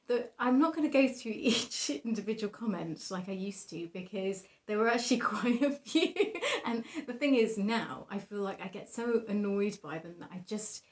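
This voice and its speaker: A woman's voice: mid-range voice, a little mellow. Chatty, self-deprecating young woman. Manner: giggly, self-deprecating, hesitant asides. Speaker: painter presenting own artwork. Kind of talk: casual rambling vlog chat.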